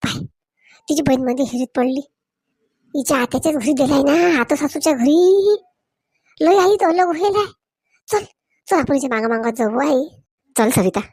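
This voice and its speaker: A woman's voice: high-pitched, expressive, normal speed, pauses often, a little mellow, dry recording, clean studio sound. A woman performing a village comedy sketch, switching between several characters in rustic dialect.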